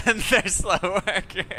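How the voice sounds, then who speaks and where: Slow, chatty flight sim streamer, noisy room. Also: male voice, high voice, bright, forceful tone. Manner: chatty, exasperated, laughs often at the ground crew. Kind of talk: live-stream commentary.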